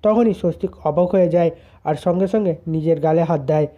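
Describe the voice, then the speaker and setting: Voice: mid-range voice, a little fast. Plain storyteller, muffled sound. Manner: plain, even retelling. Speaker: narrator recapping a TV serial. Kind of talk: storytelling recap. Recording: dull lo-fi sound.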